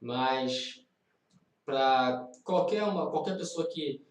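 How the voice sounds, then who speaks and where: A man's voice: mid-range voice, slow, reverberant, distant mic, low-quality recording. A man with a Brazilian Portuguese accent teaching law in a live online lesson, explaining exam questions and driving key points home by repeating them. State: tired. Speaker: law professor.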